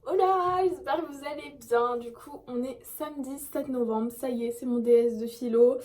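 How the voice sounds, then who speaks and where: A woman's voice: a little high, steady tone, moderate pace, over loud music. A young woman in her late teens from France, chatting casually and gushingly at home in a vlog, full of fillers. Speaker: vlogger. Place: at home indoors.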